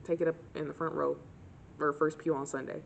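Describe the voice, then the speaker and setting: A young woman telling dating stories in a casual, sarcastic, animated way to her camera. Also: deep voice, fairly quick, gravelly, slight background noise. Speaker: vlogger. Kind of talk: casual storytime chat.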